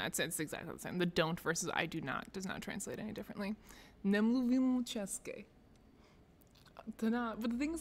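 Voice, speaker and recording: A woman's voice: medium pitch, in a large hall, slight background noise. An American woman hosting a casual live stream, chatting and laughing often as she pokes fun at herself. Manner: laughs often, self-deprecating. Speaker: streamer host. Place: office.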